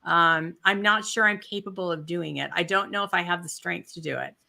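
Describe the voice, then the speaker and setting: A woman's voice: lowish voice, brisk, vocal fry, sharp tone. A woman giving a chatty, encouraging spiritual card reading with asides and fillers, while she has the hiccups. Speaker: intuitive card reader.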